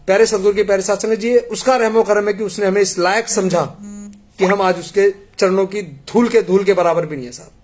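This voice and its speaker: A man's voice: sits high, brisk, darkish tone. A middle-aged man from India earnestly pleading with a congregation, telling parables in a devotional appeal.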